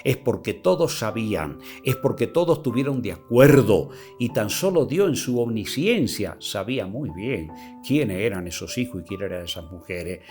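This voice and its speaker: A man's voice: on the low side, sing-song, soft background music. Male preacher with a rising, swelling delivery. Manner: swells loud and slow when reading scripture, drops soft in reflection. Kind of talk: sermon.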